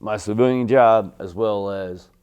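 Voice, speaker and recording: In an oral history interview, an American army veteran reminisces about his service in a low, mellow voice that is clear and resonant. His memories come out haltingly, delivered with courteous deference.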